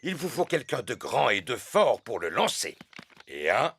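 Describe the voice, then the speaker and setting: A man voicing a jolly, bumbling daddy pig in a children's cartoon, hearty and expressive. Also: medium pitch, a little slow, vocal fry, breathy edge, heavily acted. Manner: hearty, expressive, slightly sheepish.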